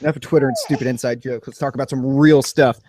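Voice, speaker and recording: This man co-hosts a casual podcast, his rambling, sarcastic delivery moving from deadpan to lively. He speaks quickly at a medium pitch, with slight background noise.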